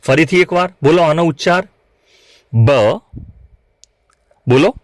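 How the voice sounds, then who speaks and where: Male phonics teacher, from Gujarat, higher-pitched, drills learners through repetition, dry room. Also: lively intonation, no echo. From Gujarat, India. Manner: repeats sounds slowly and asks learners to say them back. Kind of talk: classroom lesson for beginners.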